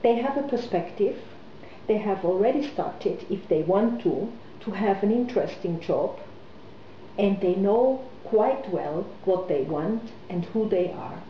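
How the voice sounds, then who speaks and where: An Austrian businesswoman whose first language is German is interviewed in a conversational setting, speaking hesitantly with many fillers and restarts. Her mid-range voice is animated and measured in pace. The recording is roomy and slightly muffled, with a bit of background noise.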